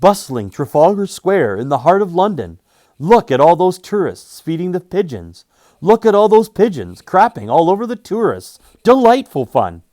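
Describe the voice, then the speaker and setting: A man puts on a teenage joker's old newsreel announcer voice, pitched up and pushed loud, grand and hammy. The cadence swings lively from line to line, and the sound is close and dry with no room around it. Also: normal speed, no echo. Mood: mock-grand. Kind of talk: audiobook reading.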